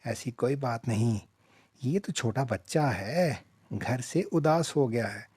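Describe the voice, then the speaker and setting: Man voicing a scheming cartoon vixen, sweet-talking, slow, dark mellow tone. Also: medium pitch, breathy edge, no echo, studio quality. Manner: coaxing, honeyed, slow drawl. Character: sly scheming female fox, sweet-talking. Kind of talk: cartoon voice acting.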